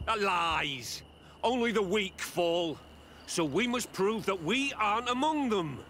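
An actor playing a fanatical, merciless officer who drills recruits in a video game. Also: male voice, high voice, animated, slow pace, a bit bright, heavily acted. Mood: scornful. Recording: clear background noise.

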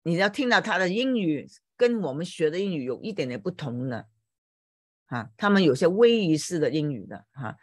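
A woman with a fairly low voice teaches English over a video call. She explains patiently, repeats each word and spells it out letter by letter. The sound is dry and close, with no room around it. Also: very animated, normal speed, no room sound. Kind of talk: online English lesson explained in Chinese. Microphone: computer mic on a video call.

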